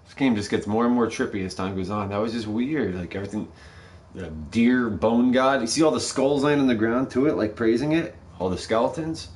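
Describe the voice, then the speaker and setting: A man's voice: medium pitch, a little fast. A man casually commenting while he plays a video game, exclaiming at scares, swearing and musing aloud about what he sees. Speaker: gameplay commentator. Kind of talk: casual let's play commentary. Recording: loud game music behind voice. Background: loud game music.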